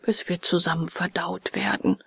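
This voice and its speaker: A woman voicing a calm, resigned dolphin with a hoarse, low voice in a storybook reading. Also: normal speed, no echo, exaggerated voice.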